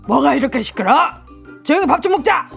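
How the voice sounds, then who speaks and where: A woman playing a grumbling middle-aged father in a comic radio sketch, with a gruff, scolding way of talking. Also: high voice, very animated, brisk, faint music behind, full character voice. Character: grumpy middle-aged father at a family barbecue.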